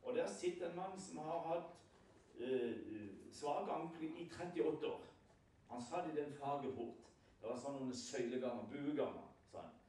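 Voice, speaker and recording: A man's voice: on the high side, lively intonation, warm tone, a little hiss or hum. A man giving a sermon at a prayer house, retelling scripture as a story and often asking his listeners rhetorical questions. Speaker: lay preacher. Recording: very echoey hall, far from the mic.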